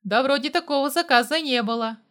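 A woman voicing a hard-bitten male mercenary who talks in curt, loud, barking lines in a spoken story. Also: a little high, lively intonation, normal speed. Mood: gruff.

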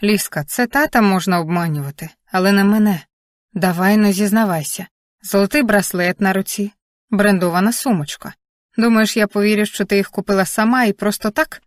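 A perceptive young woman with a teasing, probing way of talking, read by a woman narrator. She sits at a middle pitch, and the recording is dry and close. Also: brisk, no room sound, lightly acted. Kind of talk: audiobook character reading.

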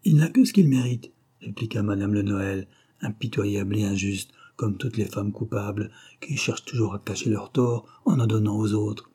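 A man's voice: lowish voice, normal speed, husky. A man reading a novel aloud as an audiobook narrator, raising his voice for the dialogue. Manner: reads the dialogue with raised, lively voices. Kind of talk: scripted narration.

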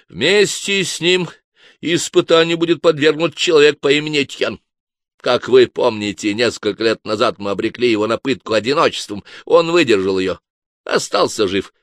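A man voicing a stern, pompous older male inquisitor who proclaims loudly in an audiobook. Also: no room sound, clean studio sound, lightly acted. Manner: booming, solemn proclamations.

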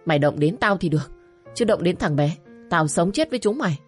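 A woman's voice: on the low side, animated, a little fast, faint music behind, close to an everyday voice. A woman reading a protective young uncle. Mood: defiant. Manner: defiant, protective.

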